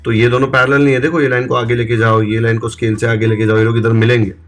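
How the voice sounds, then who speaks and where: A man's voice: medium pitch, flat delivery, rapid-fire. A man teaching math, explaining step by step and asking himself questions, mixing Hindi with English terms. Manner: explains step by step, asks and answers his own questions. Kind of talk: classroom-style video lecture.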